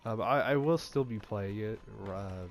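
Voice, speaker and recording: Soft music plays behind this gaming channel host, a young man with a congested nose who talks about video games in a relaxed vlog style. He speaks a bit slowly in a lowish voice, wandering off with frequent fillers and false starts.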